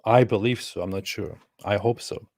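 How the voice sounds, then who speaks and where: A man's voice: fairly low pitch, normal speed, a little mellow, dry recording, studio quality. A man hosting a casual livestream interview, speaking hesitantly and often repeating his questions.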